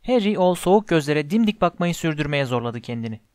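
Guy reading a kids fantasy audiobook, fairly high voice, calm even read, dry close mic. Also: brisk, smooth, dry recording. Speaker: audiobook narrator. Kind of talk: scripted storybook narration.

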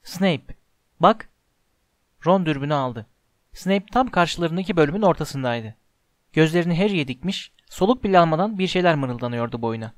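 A man narrating a storybook aloud in a steady, measured reading voice, close to the mic. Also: a little high, no echo. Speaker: audiobook narrator.

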